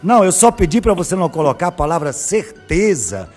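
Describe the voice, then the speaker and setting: A man with a Northeastern Brazilian accent hosts a radio call-in program with a fairly high voice. He sounds affable and reassuring, calmly defending what he said. Faint music plays underneath. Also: a little fast, slightly rough. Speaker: radio host.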